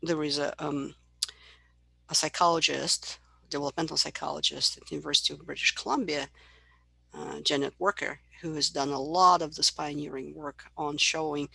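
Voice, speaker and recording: A woman's voice: deep voice, creaky, pushed and bright, dry recording. A middle-aged woman giving a university psychology lecture, explaining patiently and imitating baby babble as examples.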